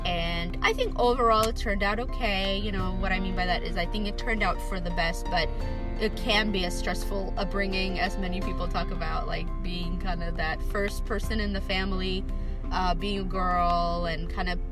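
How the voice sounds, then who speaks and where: A woman's voice: lowish voice, fairly even intonation, moderate pace, loud music behind the voice. A woman in her thirties from Ethiopia, whose first language is Amharic, hosting a podcast in a rambling, chatty monologue full of fillers. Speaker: podcast host. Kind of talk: casual monologue.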